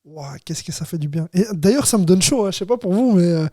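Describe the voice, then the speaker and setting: Telling stories on his relaxed studio podcast, this Rifian-accented Moroccan host in his thirties talks fast with lively intonation. His voice is high-pitched with a dark tone, he laughs readily, and "tu vois" ("you see") keeps cropping up, all from a small, warm studio.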